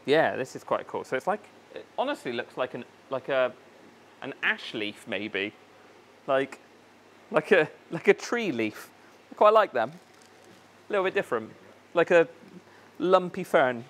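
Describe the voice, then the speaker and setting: A man's voice: medium pitch, sing-song, measured pace, long pauses, a bit bright. A man hosting a casual unboxing vlog in his aquarium shop, chatty and enthusiastic, thinking aloud and tripping over plant names. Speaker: fish shop owner and video host.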